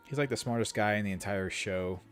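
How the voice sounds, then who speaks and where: A man's voice: lowish voice, brisk, soft background music. A man streaming a video game, giving casual commentary with rambling, opinionated asides. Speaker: gaming streamer.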